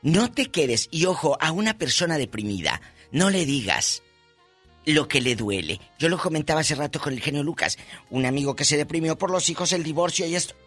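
A man co-hosting a radio talk show, giving lively, preachy advice to listeners. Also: on the high side, a little fast, slightly rough, faint music behind. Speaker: radio co-host.

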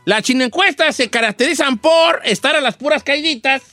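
A man playing a cheeky old Mexican radio host with a high, reedy old-man voice, teasing and rambling in a comedic talk show. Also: normal speed, pushed and bright, no room sound, soft background music. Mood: joking. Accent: Mexican Spanish. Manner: teasing, rambling, chuckles often.

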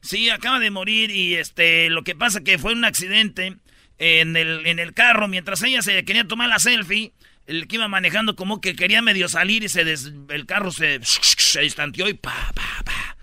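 A man's voice: high voice, moderate pace, sharp tone, no echo. A man with a Mexican Spanish accent hosting a radio show, telling news stories with teasing, slang-heavy banter.

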